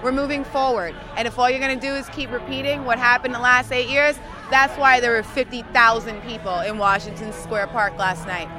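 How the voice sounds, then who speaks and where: A woman's voice: on the high side, fairly even intonation, brisk, hardly any pauses, over music, crowd noise. A young woman from Queens giving her views in an emphatic, frustrated way during a street interview. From Queens, New York. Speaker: voter. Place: outdoors on a city street.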